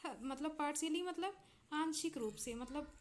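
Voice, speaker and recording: A woman with an Indian accent teaches English sounds in a high, clear voice. She talks patiently, repeats each example word and keeps checking that her students follow. A faint hiss sits under the recording. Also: unhurried. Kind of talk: explaining English phonics in Hindi.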